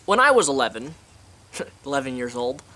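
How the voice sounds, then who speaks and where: With a mouthful of food, a young man gives his opinions in a casual, chatty vlog recorded outside on a sunny day. His medium-pitched voice is pushed and bright, sing-song in its rise and fall, at an ordinary speed.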